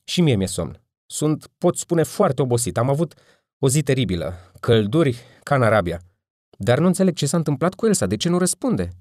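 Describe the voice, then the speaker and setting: A man's voice: mid-range voice, big pitch swings, a little mellow, no echo, clean studio sound, voice pushed up. A man voicing a flustered, bewildered middle-aged man who pleads in formal, anxious speech. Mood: agitated.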